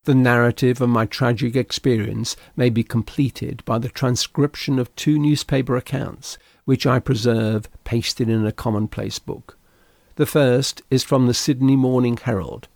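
Brief: male narrator, measured storytelling, gravelly texture, dry close sound. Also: mid-range voice, fairly even intonation, darkish tone, no echo. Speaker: audiobook narrator. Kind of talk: scripted narration of a classic sea novel.

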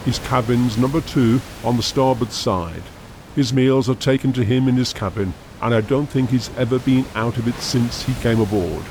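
A man's voice: mid-range voice, normal speed, darkish tone, a little hiss or hum, natural voice. A male audiobook narrator voicing a nervous, respectful ship's steward. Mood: reporting. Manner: respectful, trembling.

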